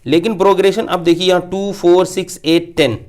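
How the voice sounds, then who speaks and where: A man with a slightly raised pitch gives a classroom maths lecture. He explains step by step, circles back to repeat key points, and slips English terms into his explanation. The voice sits close to the mic. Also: steady tone, fairly quick, a little mellow. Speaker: maths teacher.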